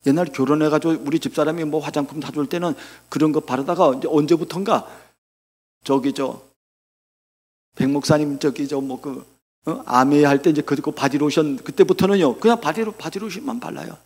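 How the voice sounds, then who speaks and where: An older man preaching a sermon, telling lively anecdotes and acting out the people in them. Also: a little high, a little fast, husky. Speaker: pastor. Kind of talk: sermon with storytelling. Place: church sanctuary. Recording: long church reverb.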